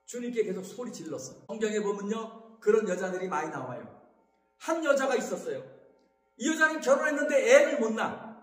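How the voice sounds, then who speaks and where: Man preaching in a church, voice way up high and swinging all over, keeps shouting out and asking for amens. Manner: emphatic, bursts into shouts, asks the congregation for amens. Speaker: pastor. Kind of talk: sermon. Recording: echoey hall reverb.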